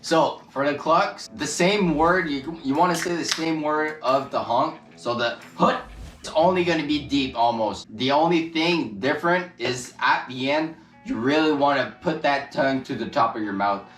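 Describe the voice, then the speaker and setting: A man's voice: on the high side, moderate pace, fairly bright tone. A man co-hosting a casual tutorial, giving plain, informal hands-on instruction. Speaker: co-host demonstrating goose calls. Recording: distant mic, echoey, clear music behind.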